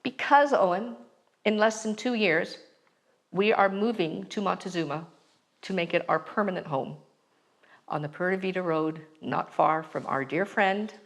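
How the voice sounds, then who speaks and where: A woman's voice: on the low side, normal speed. A woman with an American accent, from California, co-presenting in a playful scripted style. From Los Angeles, California, USA. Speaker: co-presenter of a couple's video.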